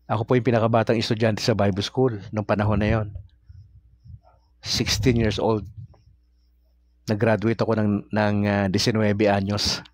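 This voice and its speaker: Filipino man, lowish voice, casual teacher who questions his audience, dry close mic. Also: flat delivery, fairly quick, hardly any pauses, no echo. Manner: conversational, asks the audience questions often. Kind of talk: casual talk-style teaching.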